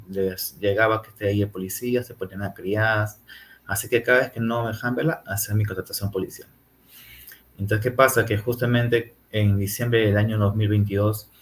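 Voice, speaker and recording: A Peruvian-accented man speaks as a guest on a television interview, telling his story in halting stretches. He keeps tacking on little tag questions, and his voice sits fairly low. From Peru. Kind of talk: TV interview testimony.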